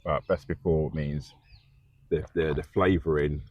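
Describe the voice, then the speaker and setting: Man, podcast co-host, deep and husky, earnest banter. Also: fairly even intonation, unhurried, dry recording, dull audio. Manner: earnest, repeats words when starting. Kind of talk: casual chat.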